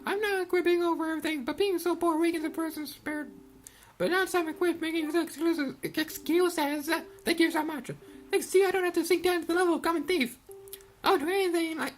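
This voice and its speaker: A woman's voice: very high-pitched, voice pushed up. A woman voicing a young girl, a rich debutante fallen into poverty, in a theatrical, pleading and self-pitying way as she reads game dialogue. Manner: theatrical, pleading, rapid gushing delivery. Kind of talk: reading game dialogue aloud in a put-on voice.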